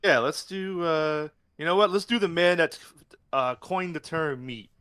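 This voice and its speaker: A man co-hosting a live stream in relaxed, casual chat. He runs through a list, reads out viewer poll numbers and drops playful jokes along the way. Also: fairly high pitch, measured pace, clear, resonant tone. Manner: jokey, moderates the list and reads chat poll results aloud. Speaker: podcast co-host.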